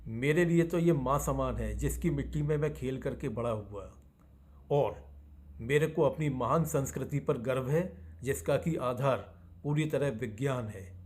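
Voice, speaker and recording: A man speaking an earnest, slow patriotic intro. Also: medium pitch, darkish tone.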